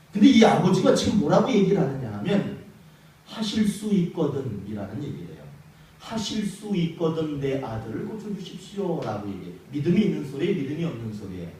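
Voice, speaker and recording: A male pastor preaching a sermon, animated and dramatic, acting out quoted lines. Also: fairly high pitch, fairly quick. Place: church sanctuary. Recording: echoey hall from far off.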